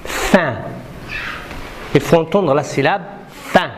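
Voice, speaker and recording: A woman's voice: deep voice, takes it slowly, noisy background. Patient woman teacher drilling syllables. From Morocco. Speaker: primary school teacher. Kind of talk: classroom reading lesson. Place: classroom.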